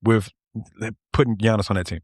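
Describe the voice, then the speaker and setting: A man co-hosting a casual sports podcast over a video call, animated and quick to laugh, often repeating himself. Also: lowish voice, dry recording, clean studio sound. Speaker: podcast co-host.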